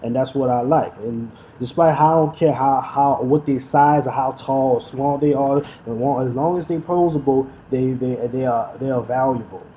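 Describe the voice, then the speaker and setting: A man with a very dark, mellow voice talks straight to his audience in a casual vlog. He stumbles and repeats words as he goes and turns defiant when he calls out his critics. A faint noise sits under his voice. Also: mid-range voice, moderate pace, few pauses. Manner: stutters and restarts phrases; defiant, challenging tone toward critics. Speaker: YouTube vlogger and figure collector.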